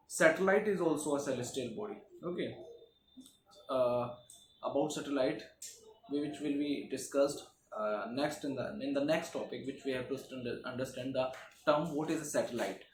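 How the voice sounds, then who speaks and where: A man teaching a geography lesson to schoolchildren, often filling pauses with "okay" and "uh". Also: mid-range voice. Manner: frequent "okay" and "uh" fillers, repetitive explaining. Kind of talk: classroom lecture. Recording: echoey room, faint background noise.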